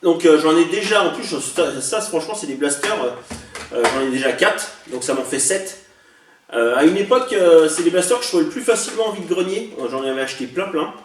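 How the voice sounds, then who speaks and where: A man casually showing off a haul of toy blasters, chatty and hesitant, often pausing and correcting himself. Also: a little high, expressive, far from the mic, slight background noise. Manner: chatty, hesitant, many fillers and self-corrections. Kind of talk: casual unboxing vlog. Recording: echoey room, voice off-mic.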